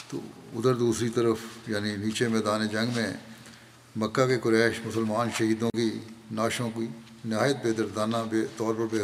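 A man delivering a Friday sermon in Urdu, telling the story at a measured pace and slowing down to recite Arabic phrases. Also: medium pitch. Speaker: spiritual leader giving a Friday sermon. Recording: long hall reverb, faint background noise.

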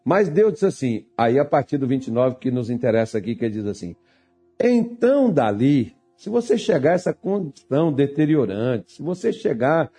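A man preaching a sermon as a pastor, swinging between hushed, intimate passages and raised, fervent ones. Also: on the high side, slightly rough.

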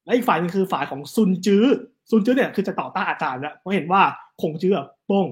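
A man, telling history stories in a casual, animated chat. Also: sits high. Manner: animated, fast storytelling with quick asides. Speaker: guest storyteller on history.

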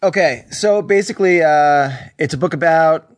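A man's voice: a little high, normal speed. A man speaking casually as a podcast guest, a comics creator. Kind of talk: casual chat.

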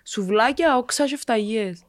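Κύπρια οικοδέσποινα με κυπριακή προφορά. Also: female voice, on the high side. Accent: Cypriot Greek. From Cyprus. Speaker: podcast co-host. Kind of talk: casual podcast chat.

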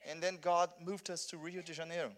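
Speaking briskly in a fairly high voice with little variation in pitch, a Brazilian pastor delivers an earnest conference sermon in English. He is a Portuguese speaker from southern Brazil, and his talk is full of restarts and repeated words.

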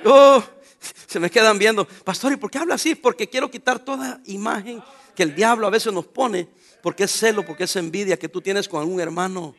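High-pitched, bright-voiced Mexican pastor preaching. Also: male voice, moderate pace. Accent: Mexican Spanish. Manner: animated preaching with rhetorical questions to the congregation. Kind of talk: sermon.

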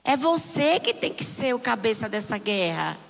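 A woman bishop preaching a fervent sermon, shouting declarations and teasing the congregation. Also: a little high, very animated, normal speed, vocal fry, soft background music. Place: church. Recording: long church reverb.

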